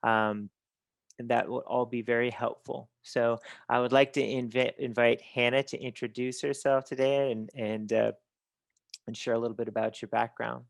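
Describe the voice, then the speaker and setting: Man presenter on a video call, even and monotone, lots of ums, dry close sound. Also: mid-range voice, creaky, dry recording. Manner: halting, many fillers and restarts. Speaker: conference presenter. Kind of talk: online webinar presentation.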